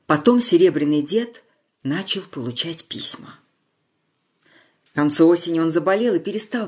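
Narrator: mid-pitched, measured storytelling, reads a war-era tale. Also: darkish tone. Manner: measured storytelling, slowing on solemn lines. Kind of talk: scripted narration.

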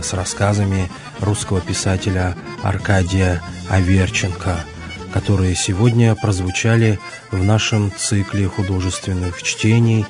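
A male radio presenter signs off calmly and formally in a deep, low voice. Clear music plays underneath. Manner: calm, formal announcing. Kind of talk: program sign-off.

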